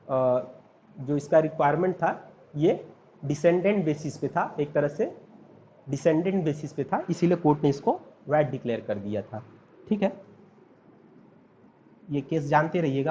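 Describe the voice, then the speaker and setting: A man's voice: fairly high pitch, dark tone. A man with an Indian accent teaching law in a recorded lecture. He repeats key terms and spells names out letter by letter. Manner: repeats and spells out terms slowly, asks students to write along. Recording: dull lo-fi with faint hiss.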